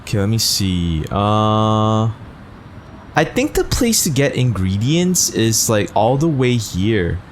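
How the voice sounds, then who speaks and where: Male gaming host, slangy and sweary, animated casual commentary, noisy game backdrop. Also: on the low side, slow pace. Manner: profane, slangy. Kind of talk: casual let's play commentary. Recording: noisy game sound behind.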